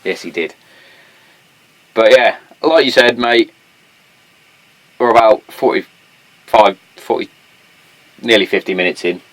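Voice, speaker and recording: A man's voice: on the low side, unhurried, long pauses, a bit bright, dry recording, poor audio. A British man hosting a podcast, chatting casually in a matey, sweary, slangy way. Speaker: podcast host. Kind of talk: casual chat.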